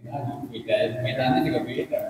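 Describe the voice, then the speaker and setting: A man preaching a religious lecture to a congregation, speaking plainly and evenly, often asking listeners to agree. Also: fast talker. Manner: plain, even delivery, calls himself flat-spoken. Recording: long reverb in a hall.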